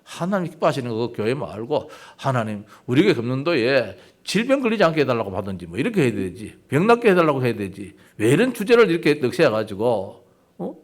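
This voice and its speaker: A man's voice: mid-range voice, big pitch swings, brisk. An older man preaching a sermon as pastor, talking conversationally and asking the congregation rhetorical questions.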